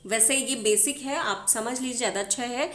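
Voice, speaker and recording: A woman's voice: on the high side, normal speed, a bit bright. A woman teaching the Hindi alphabet, sounding out each letter and often checking in with her viewers. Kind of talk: slow alphabet lesson.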